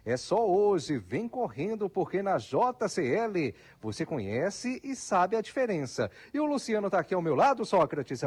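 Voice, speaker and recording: A man's voice: high voice, darkish tone, breathy edge. A man working as a radio reporter, giving a live promotional spiel and urging listeners directly.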